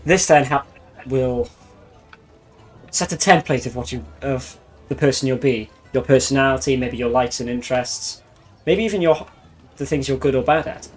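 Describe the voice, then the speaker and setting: A man's voice: medium pitch, normal speed, pauses often, faint music behind, low-quality recording. A man playing a tabletop game, speaking hesitantly with fillers and long rambling explanations. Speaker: player. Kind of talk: casual tabletop game chat.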